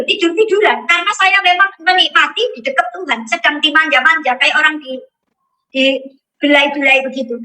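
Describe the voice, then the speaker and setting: A woman's voice: very high voice, bright, forceful tone, low-quality recording. A woman giving a religious testimony to a congregation, telling her story vividly and often turning to address her listeners directly. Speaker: testimony speaker.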